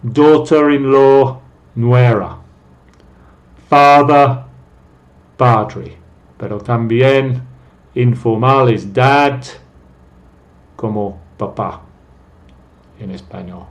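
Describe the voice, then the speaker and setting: A man teaching English vocabulary to Spanish speakers, saying each English word slowly and then giving its Spanish meaning. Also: medium pitch.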